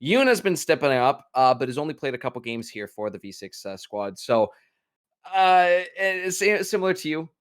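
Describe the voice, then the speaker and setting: Excitable male esports caster. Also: fairly high pitch, normal speed, clear, resonant tone, no room sound, studio quality. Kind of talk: live esports match commentary.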